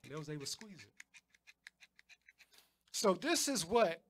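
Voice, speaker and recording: A man's voice: high voice, big pitch swings, unhurried. A man preaching a sermon, emphatic, often repeating words as he drives a point home. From United States.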